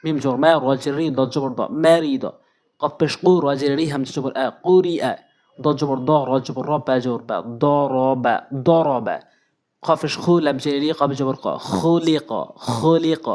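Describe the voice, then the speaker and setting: A man teaching Quran reading, slowly spelling out Arabic syllables and repeating each one as a drill. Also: on the high side, darkish tone.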